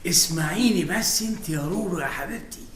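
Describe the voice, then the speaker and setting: An actor with an Egyptian accent playing a lovesick suitor in a TV comedy, fawning and pleading. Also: male voice, sits high, fairly quick, a little hiss or hum, natural voice. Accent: Egyptian Arabic. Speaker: suitor Shukri.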